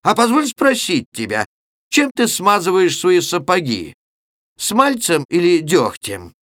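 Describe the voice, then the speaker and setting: A man's voice: high-pitched, huge pitch swings, unhurried, a bit bright, no room sound, studio quality, voice pushed up, heavily acted. A man reading aloud and voicing an embarrassed, pompous village headman who speaks in an awkward, stiffly polite way.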